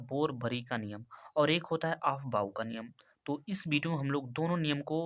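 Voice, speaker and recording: A man explains a chemistry lesson in a loose, chatty teaching style. He keeps asking himself short questions and answers them at once. His pitch sits in the middle for a man's voice. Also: fairly bright tone. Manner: repeats key terms as quick questions, says "ठीक है" and "भाई" often. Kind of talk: casual classroom explanation.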